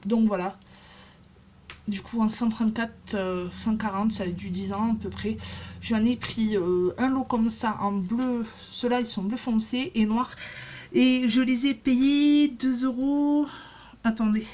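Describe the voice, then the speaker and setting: A woman's voice: mid-range voice, steady tone, unhurried, a little mellow, slight background noise. A woman in her thirties chatting casually in a haul vlog, rambling with many fillers and restarts. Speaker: beauty vlogger.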